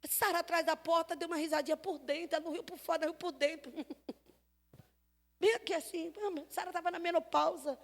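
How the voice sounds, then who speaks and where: A woman with a Brazilian Portuguese accent preaching a sermon at a church, telling the story lively and acting out the dialogue, swinging from loud to soft. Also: very high-pitched, normal speed, long reverb tail.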